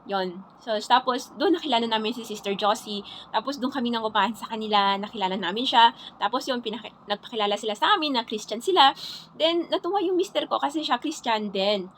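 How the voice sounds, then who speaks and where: A woman telling her personal faith testimony in a halting, repetitive way, often restarting her sentences. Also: fairly high pitch, a bit bright, a little hiss or hum, low-quality recording. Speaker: churchgoer sharing her testimony.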